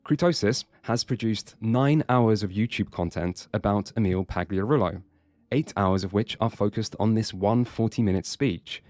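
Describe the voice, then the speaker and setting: Low-voiced man narrating a video essay. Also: moderate pace, darkish tone, no echo. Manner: dry, sardonic. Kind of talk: scripted narration.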